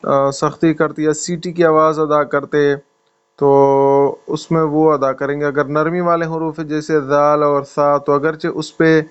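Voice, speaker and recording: A man's voice: a little high, level tone, smooth, lo-fi sound. A man teaching Quran recitation in an online class, patiently correcting pronunciation step by step. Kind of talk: online tajweed lesson. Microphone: video call.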